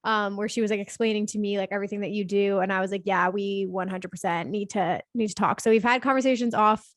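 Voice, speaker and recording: A woman's voice: mid-range voice, steady tone, fast talker, no echo, clean studio sound. A woman hosting a podcast interview, bubbly and enthusiastic, talking casually with lots of fillers. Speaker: podcast host.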